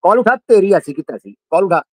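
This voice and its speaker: A man's voice: high-pitched, expressive, brisk, dry recording. A man hosting a livestream debate, taunting and repeating his jabs in a heated call-out. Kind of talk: heated live call-out on stream.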